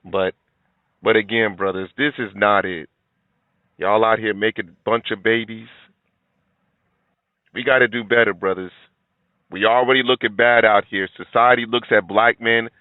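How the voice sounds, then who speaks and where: A man's voice: lowish voice, steady tone, normal speed, long pauses, no room sound. Middle-aged guy ranting blunt and preachy, thin phone-like sound, dry. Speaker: commentary video host. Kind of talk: reaction commentary.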